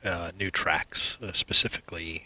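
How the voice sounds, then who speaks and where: A man from the United States hosting his own gaming channel, chatting casually and rambling with many fillers, restarts and throat clearing. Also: low-pitched, steady tone, moderate pace, sharp tone, poor audio. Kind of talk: casual gaming news chat.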